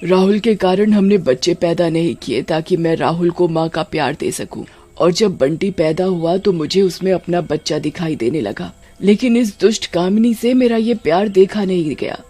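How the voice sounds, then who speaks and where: Quiet, menacing ghost witch, vengeful yet protective, as a woman puts her on. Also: normal speed, hardly any pauses, breathy edge. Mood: accusing. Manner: low, quiet, threatening.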